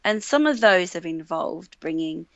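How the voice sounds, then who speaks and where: A woman with an Australian accent, a radio producer talking casually in an interview, animated and full of fillers and restarts. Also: fairly low pitch, measured pace, no echo. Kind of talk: conversational interview. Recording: dull lo-fi sound, dry.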